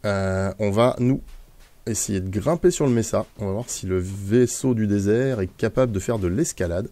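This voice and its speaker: A man's voice: lowish voice, moderate pace, mellow. A man casually commenting on his gameplay, chatting to his in-game mount with many hesitations. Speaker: Let's Play gamer.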